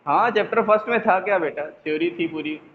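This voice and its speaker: A man's voice: sits high, fairly quick. A male physics teacher running an online class from his phone, chatting and jokingly scolding students. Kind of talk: online class, casual teasing. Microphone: mobile phone. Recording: echoey, tinny phone line, faint noise.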